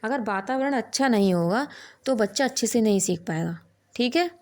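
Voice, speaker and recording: A woman's voice: fairly high pitch, lively intonation, normal speed, darkish tone. A woman teacher explaining an exam-prep lesson while writing on a board, checking in with "ठीक है" and asking herself rhetorical questions. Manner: explanatory, repeats "ठीक है" and asks rhetorical "क्या है"; writes on a board while talking.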